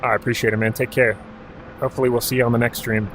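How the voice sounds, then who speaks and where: A man from Alaska rattles off rapid-fire commentary in a medium-pitched voice, with slight background noise behind him. Streaming a helicopter game, he stays relaxed and profane while calling out clock directions and ranges.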